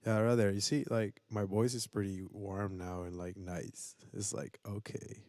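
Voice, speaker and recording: A man in a home studio talks viewers through his live stream in a loose, rambling way, full of fillers and restarts. His voice sits on the lower side, and the sound is dry and close. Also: flat delivery, a little slow, darkish tone, dry recording. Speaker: streamer and beat producer. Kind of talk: casual live-stream tutorial.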